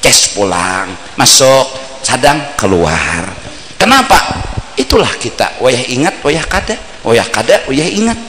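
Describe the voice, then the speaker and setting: A man with a Banjar accent preaching a mosque sermon, swinging between playful shouts and low earnest asides, heard on an old worn tape recording. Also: very animated, slow, long reverb tail, a little hiss or hum.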